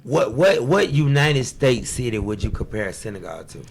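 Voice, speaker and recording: A man hosting a casual couch talk show, playful and joking, full of slang and quick questions. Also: medium pitch, big pitch swings, breathy edge. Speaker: podcast host. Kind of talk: casual chat.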